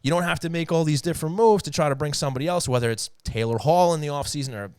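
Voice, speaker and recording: A man with a New York accent co-hosting a hockey talk show, animated and excited, quick to laugh and answering his own questions. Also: fairly high pitch, clean tone, no room sound, studio quality. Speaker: podcast co-host.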